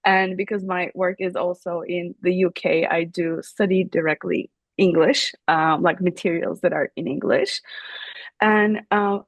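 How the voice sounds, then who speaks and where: This Turkish professor, a woman who speaks Turkish as her first language, takes her time answering interview questions in an academic setting, often using fillers and starting over. She has a lowish, steady voice and an unhurried delivery, with no room sound.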